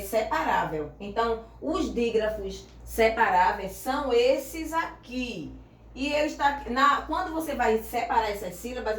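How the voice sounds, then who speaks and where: A woman teacher, patiently explaining grammar, spelling letters out slowly and asking if the class understood. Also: a little high. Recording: echoey room, voice from far off.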